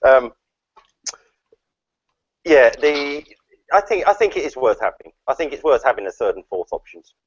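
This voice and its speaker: Man, mid-pitched voice, tech podcast co-host, lists specs, dry lo-fi call sound. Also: sing-song, normal speed, pauses often, husky, no room sound. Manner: reads out specs in a list, many fillers. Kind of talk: casual tech chat. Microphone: online video call.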